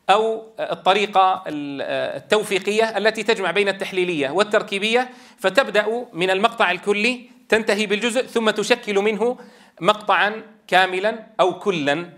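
Man, high voice, teacher lecturing a class, explains step by step, rhetorical questions. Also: a bit bright. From Levant. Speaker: Quran teacher trainer.

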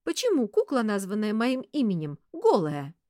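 A woman voicing a defiant, scornful young office worker in an audiobook, with a very lively, expressive delivery. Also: medium pitch, moderate pace, no echo, studio quality, pitched above the performer's own voice.

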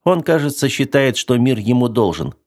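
A man voicing a calm, confident male space captain with a wry, commanding manner. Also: medium pitch, moderate pace, voice pushed up. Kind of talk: audiobook character voice.

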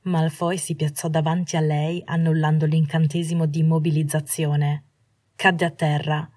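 A woman narrating a story aloud in a steady, measured reading. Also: low voice, no echo, clean studio sound. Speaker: reader. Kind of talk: scripted narration.

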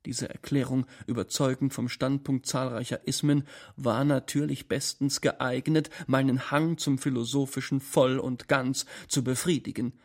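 A man dramatically reads a short story told in the first person, phrasing deliberately and shifting his volume. His voice is mid-range with a steady tone.

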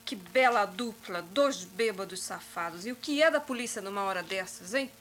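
A woman's voice: medium pitch, lively intonation, normal speed, background noise, close to an everyday voice. An actress playing a prim, indignant lady at a post office, scolding in old radio drama style. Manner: huffy, scolding.

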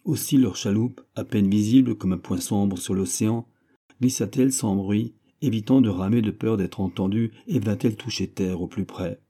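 A man reading a classic novel aloud as an audiobook, steady and measured. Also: fairly low pitch. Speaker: audiobook reader. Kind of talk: scripted narration of a classic novel.

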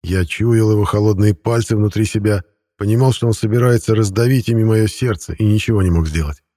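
A man reads a first-person fantasy audiobook in a wry, conversational way. His voice sits low with a husky edge, recorded close and dry. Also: brisk, mellow, no room sound. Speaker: audiobook narrator.

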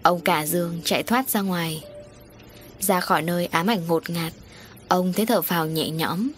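A woman's voice: lowish voice, moderate pace. Woman narrating an audio story. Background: faint music.

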